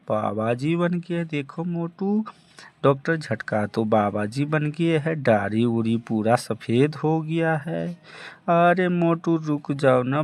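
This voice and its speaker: A man voicing a thin, sensible, worried adult cartoon sidekick in an amateur cartoon dub, repeating his warnings. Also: medium pitch.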